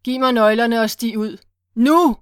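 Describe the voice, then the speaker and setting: A furious man back from the dead, roaring orders and spitting bitterness, as a woman narrator acts him out. His voice rises high and loud when he shouts. The recording is close and dry. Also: clear, resonant tone, no echo, lightly acted. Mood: commanding. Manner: barking, roaring commands.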